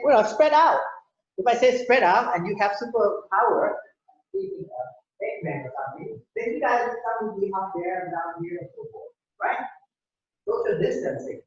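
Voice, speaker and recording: A man lecturing a class, his pitch rising and falling a lot as he explains. He often repeats words and keeps asking the room "right?". The sound is dull and lo-fi, with heavy echo from a big hall. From Thailand. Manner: rambling, repeats words, checks in with "right?" and "yeah?". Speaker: university lecturer.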